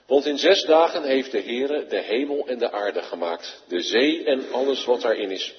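A man reading scripture aloud in a formal church service, slow, solemn and measured. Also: mid-range voice, animated. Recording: dull, echoey church hall recording.

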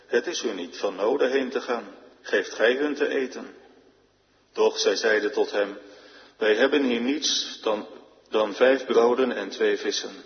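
Man, scripture reading, solemn, formal, low voice, muffled recording. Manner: measured, formal. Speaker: scripture reader. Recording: reverberant, dull lo-fi church recording.

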